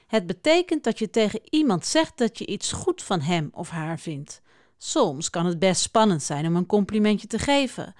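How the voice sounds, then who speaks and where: Storyteller: woman, animated read-aloud for young kids, dry studio sound. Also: mid-range voice, no echo. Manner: lively, expressive reading with voiced characters. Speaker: storyteller reading a children's book.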